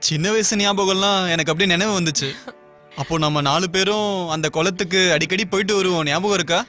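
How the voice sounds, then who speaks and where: Laid-back teasing young man, fairly high, music under it. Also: quick pace, sharp tone. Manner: teasing, easygoing. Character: calm young man returned to his village. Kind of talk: Tamil film dub. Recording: film soundtrack with music.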